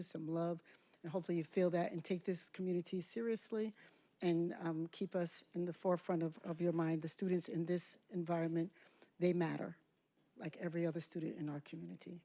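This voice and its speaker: A woman's voice: on the low side, mellow. A woman presenting her school community to a board meeting, earnest and thankful. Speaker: program presenter. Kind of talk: public address.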